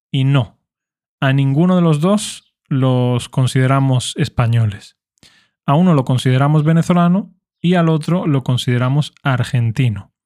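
A man from Spain with a Spanish accent, reading listener questions aloud and answering them in a clear, explanatory way. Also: a little high, a little mellow, no echo, studio quality. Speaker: Spanish teacher podcast host.

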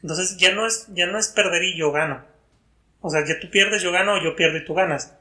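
Man, talk show guest, high voice, bright tone, thoughtful, repeats words, roomy echo. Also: fairly quick. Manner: thoughtful, repeats and restarts words while thinking. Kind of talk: casual reflective chat.

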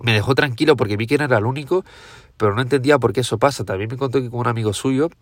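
A young man from Tenerife, hosting a podcast in a casual monologue, informal and quick to swear. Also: medium pitch, dry recording, studio quality. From Tenerife, Canary Islands, Spain. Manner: rapid and informal, swears freely, keeps calling listeners "guys". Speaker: podcast host.

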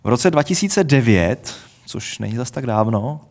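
A man co-hosting a casual podcast, explaining a mystery case in a wry, deadpan way. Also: medium pitch. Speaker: podcast co-host. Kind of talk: casual chat, storytelling.

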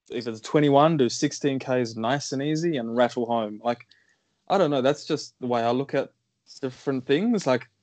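A man rambles through his opinions on running in a casual podcast chat, scattering "like" through his speech. His pitch is average for a man. The sound is dry with no room echo. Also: a little mellow. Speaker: runner guest.

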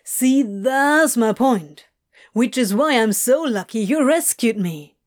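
Woman playing a drowsy, grumbling demon husband, slow drawl. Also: a little high, expressive. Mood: insistent.

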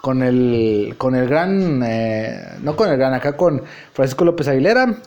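A man's voice: mid-range voice, huge pitch swings, a little slow, vocal fry, darkish tone, dull audio. A man, hosting a podcast and telling rambling stories full of crude slang. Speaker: podcast host. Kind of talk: casual storytelling monologue.

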